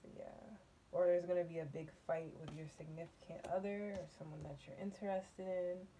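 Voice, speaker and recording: A woman giving a casual tarot reading, musing and unhurried, humming and laughing softly between thoughts, from a table in a small dim room. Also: fairly low pitch, fairly even intonation, a little hiss or hum. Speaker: tarot reader.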